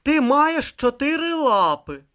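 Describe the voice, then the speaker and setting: A reader voicing an exhausted, stubborn young novice monk who speaks slowly and with strain in an audiobook. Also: sits high, sing-song, a bit bright, pitched above the performer's own voice, exaggerated voice. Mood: strained resolve. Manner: slow, strained, determined. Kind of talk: audiobook character voice.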